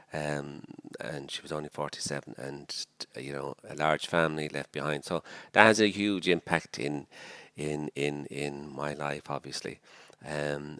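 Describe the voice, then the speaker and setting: A priest in his sixties from Dublin, Ireland, speaks with a Dublin Irish accent while being interviewed as a guest. His voice is extremely low yet fairly bright, and he talks reflectively with many fillers and restarts. The recording is dry.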